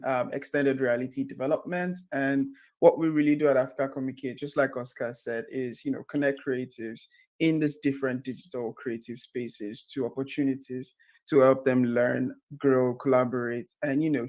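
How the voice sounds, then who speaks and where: A man's voice: medium pitch, steady tone, moderate pace. A man with a Nigerian accent introducing himself as a guest on a panel. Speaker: panel guest, extended reality developer. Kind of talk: spoken self-introduction on a panel.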